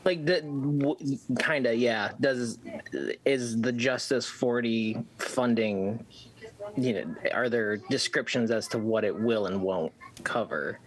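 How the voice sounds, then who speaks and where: A man asking questions at a public meeting over a video call, speaking haltingly with uneven volume as his audio cuts in and out. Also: medium pitch, low-quality recording. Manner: hesitant, halting, restarts his sentences. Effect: uneven volume from call audio cutting in and out. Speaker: commission member.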